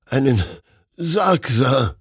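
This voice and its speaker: A man's voice: medium pitch, lively intonation, extremely slow, breathy edge, no room sound, studio quality, pitched above the performer's own voice, exaggerated voice. A man voicing a terrified young male doctor who gasps and pleads in panic. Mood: panicked.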